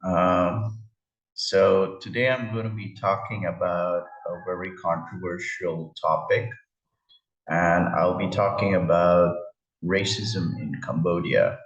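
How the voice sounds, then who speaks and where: Low man from India, vlog slideshow voice-over, halting with fillers; roomy, dull lo-fi recording. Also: fairly even intonation, recorded from a distance. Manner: hesitant, many fillers. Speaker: travel vlogger. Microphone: voice-over, face not shown.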